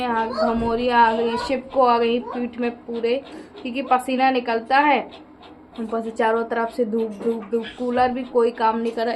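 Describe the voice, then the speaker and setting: Chatty woman vlogger, slightly high voice. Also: noisy background. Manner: chatty, talks straight to viewers. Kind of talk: casual vlog voice-over.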